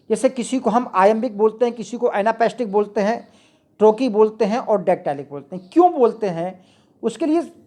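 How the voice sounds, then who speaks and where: A woman teaching an English poetry lesson, explaining each point slowly and repeating it, with English definitions mixed into her talk. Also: fairly high pitch, darkish tone. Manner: slow, repetitive, mixes English definitions into Hindi. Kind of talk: explanatory lecture.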